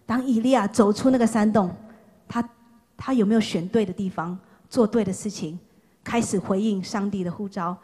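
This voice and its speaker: A woman preacher giving an impassioned sermon to young people, repeating phrases for emphasis and swinging from loud calls to hushed words. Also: on the high side, slightly rough.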